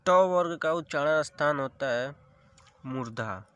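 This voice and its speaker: A man's voice: a little high, measured pace, a bit bright, smooth. A man teaching the Hindi consonants, speaking patiently and sounding out each letter one at a time. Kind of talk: slow classroom explanation.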